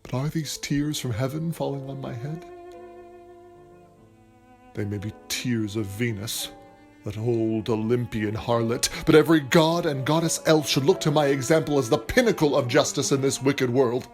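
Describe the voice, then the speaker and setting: Over soft background music, a man of medium pitch and normal speed, his tone darkish yet close to everyday speech, acts in a period audio drama. His character is a passionate, grandiloquent playwright scheming for material, and the mood is brooding and vengeful. He declaims floridly and earnestly in a theatrical stage-play style.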